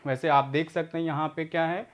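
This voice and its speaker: A man teaching adult literacy, explaining each step slowly and patiently and checking in after each point. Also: fairly high pitch, steady tone.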